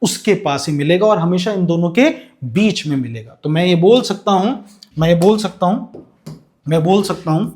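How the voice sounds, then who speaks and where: High-pitched man, physics lecture, asks students questions, answers them himself, dictates slowly. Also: lively intonation, a little mellow. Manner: slows down to dictate notes in English. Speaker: physics teacher. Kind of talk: classroom lecture with animation.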